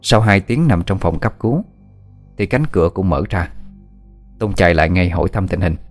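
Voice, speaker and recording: Male storyteller, very low voice, steady unhurried narration, faint music underneath. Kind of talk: scripted ghost story narration.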